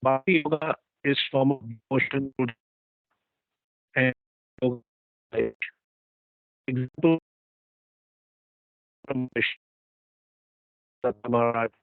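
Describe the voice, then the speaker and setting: A man's voice: mid-range voice, slow pace, long pauses, no room sound, phone-quality sound. A man in an online study group speaking hesitantly with many fillers, his voice breaking up with glitching call audio over a weak connection. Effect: glitching, choppy call audio. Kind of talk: casual online discussion. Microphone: online video call over a mobile connection.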